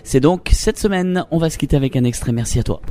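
A man's voice: fairly high pitch, lively intonation, quick pace. A man hosting a chatty broadcast interview in an effusive, complimentary manner. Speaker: interview host.

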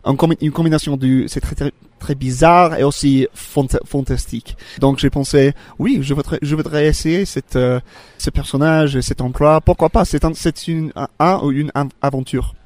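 Halting male actor guest. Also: on the high side, steady tone, darkish tone, dry recording. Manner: halting non-native speech with many repeats and searching for words. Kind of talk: casual studio interview.

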